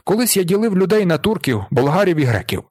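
A man reading an audiobook, voicing a gruff aging male wanderer who tells his past with vivid emotion. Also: high voice, sing-song, quick pace, a little mellow, dry recording, studio quality. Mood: passionate.

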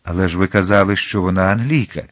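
Reserved veteran swordsman, grave, low voice, read by a male narrator. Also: quick pace, dry recording, studio quality. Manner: restrained, grave.

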